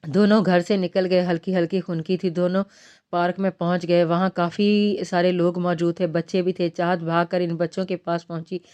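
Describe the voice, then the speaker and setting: A woman narrating a romance novel aloud in a plain, unhurried reading style. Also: lowish voice, flat delivery, a little mellow, clean tone.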